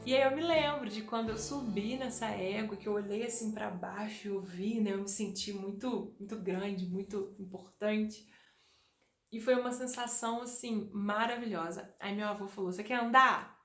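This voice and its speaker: A woman telling a childhood memory to her viewers in an animated way, often speaking to them directly. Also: mid-range voice, moderate pace, faint music behind. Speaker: vlogger. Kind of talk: personal storytelling. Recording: echoey room.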